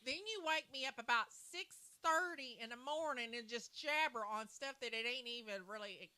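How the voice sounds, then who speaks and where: A woman spins a loose personal story, drifting and restarting. Her voice is bright and pitched a little high. She keeps circling back with "so anyway" and "and everything.". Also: moderate pace. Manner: rambling, repeats "so anyway" and "and everything". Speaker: co-host telling a story. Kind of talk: casual storytelling.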